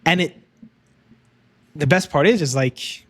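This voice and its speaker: A man's voice: on the high side, unhurried, a bit bright, no room sound. A young man co-hosting a faith podcast, telling his testimony in an earnest, casual way with frequent "um" and "like". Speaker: podcast co-host.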